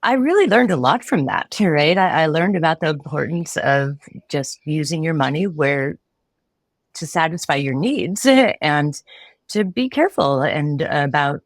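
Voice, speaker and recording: A woman's voice: sits low, expressive, a little slow, no room sound, studio quality. A woman in her forties from Connecticut, a philosophy professor answering interview questions thoughtfully, with frequent restarts and light laughter. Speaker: philosophy professor, podcast guest.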